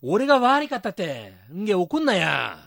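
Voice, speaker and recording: A woman's voice: mid-range voice, big pitch swings, moderate pace, creaky, no room sound, studio quality. A woman playing a tired, grumbling working husband in a radio dialect skit, speaking in a Niigata accent and defending himself before giving in. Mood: defensive. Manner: defensive, placating.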